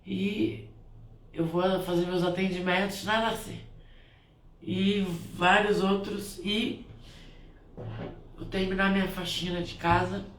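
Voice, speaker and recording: A woman's voice: medium pitch, steady tone, slow, long pauses. A woman who performs spiritual blessings shares a heartfelt, rambling reflection at home, restarting her sentences often. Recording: roomy, distant from the mic, faint ambient noise.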